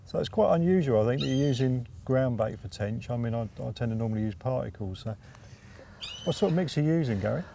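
A man in his thirties interviewing an angler on a lakeside bank, agreeable and quick with tag questions, on a lapel mic. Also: medium pitch, animated, creaky, dark tone. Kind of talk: conversational interview. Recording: faint outdoor noise by a lake.

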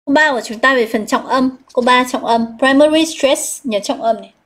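Female English teacher, Northern Vietnamese accent, slightly high voice; patient step-by-step explainer who reads out students' answers. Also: fast talker, a bit bright, a little hiss or hum. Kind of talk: live online exam review lesson.

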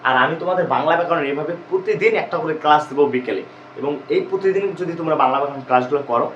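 A man teaches a grammar lesson, asking the students questions and then answering them himself. His voice sits a little high. The room is echoey, with a faint hiss behind him. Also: racing, fairly bright tone, lo-fi sound. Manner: explains step by step, repeating questions to students.

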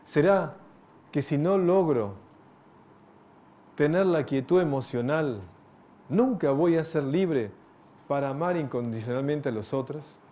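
A middle-aged man speaks in a mellow, slightly raised register. He gives a reflective spiritual talk and keeps his audience engaged with rhetorical questions and gentle humor. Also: on the high side, unhurried, pauses often. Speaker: spiritual lecturer.

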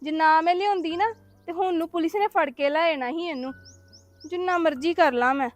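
A woman's voice: very high voice, brisk, faint music behind. A woman playing a defensive, put-upon young daughter-in-law in a family web drama, complaining and talking back. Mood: aggrieved.

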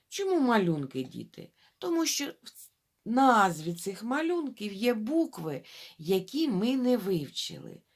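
A woman teaching young children to read, sounding out syllables slowly and talking straight to them. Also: mid-range voice, breathy edge. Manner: drawn-out syllable-by-syllable modelling of reading; addresses children directly, coaxing. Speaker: primary school teacher. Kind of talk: reading lesson for young children.

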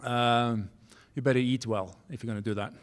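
A man in his forties from Norway with a Norwegian accent, giving a keynote speech at a university podium, earnest and halting, restarting phrases in non-native English. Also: medium pitch, fairly even intonation. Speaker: keynote speaker. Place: university auditorium stage. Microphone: podium microphone.

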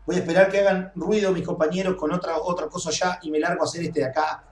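A young man with a Rioplatense Spanish accent commentating a game, excitable, swearing, and screaming when chased. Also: a little high, fast talker. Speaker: gameplay streamer. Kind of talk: gaming commentary. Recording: echoey room, faint noise.

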